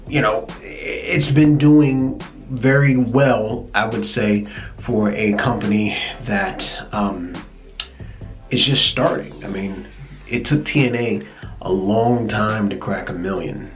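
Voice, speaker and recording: A man hosting his own show, talking casually and excitedly about pro wrestling, often stumbling over and repeating words when fired up. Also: lowish voice. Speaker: host.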